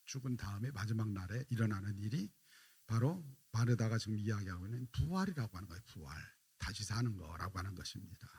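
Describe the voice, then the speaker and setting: A man leads a dawn prayer sermon in a husky voice with lively, wide-ranging pitch. He talks directly to the congregation, asks questions and answers them himself. When he quotes scripture he drops into softer, drawn-out lines. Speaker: pastor.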